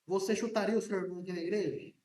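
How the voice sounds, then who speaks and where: A male pastor preaches a sermon in a casual, joking way, firing questions at his congregation. His voice sits high, and he talks loudly because he is hard of hearing. He is picked up from some way off in an echoing church hall. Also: steady tone, rapid-fire. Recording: echoey church room from a distance.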